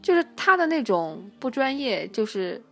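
Relaxed, opinionated woman chatting. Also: fairly high pitch, normal speed, faint music behind. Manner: relaxed, opinionated, laughs while defending her view. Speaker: podcast co-host. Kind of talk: casual chat about a TV drama.

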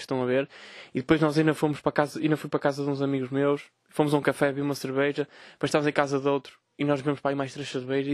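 A young podcast host with a European Portuguese accent delivers a profane, sarcastic solo rant, imitating other people mockingly. His mid-range voice is captured in clean studio sound without echo.

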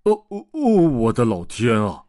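A man's voice: lowish voice, animated, darkish tone, no echo, studio quality. A man voicing a bumbling, cheerful doctor in a children's storybook, speaking hesitantly with many ers. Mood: bluff. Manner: slow and hesitant, full of ers. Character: scatterbrained cheerful old male doctor.

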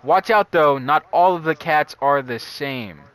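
A man's voice: fairly high pitch, measured pace, fairly bright tone, smooth, dry recording. A young man with a slangy, playful frat-bro manner, chatting casually and reading puzzles out to his friends. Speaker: riddle reader in a friend group.

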